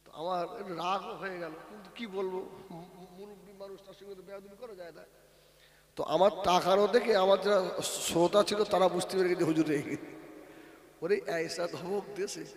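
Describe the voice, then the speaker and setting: A man preaching a waz, moving between low storytelling and loud, slow sung chanting. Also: steady tone. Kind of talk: Bengali Islamic sermon, waz. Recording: echoey, reverberant loudspeaker sound.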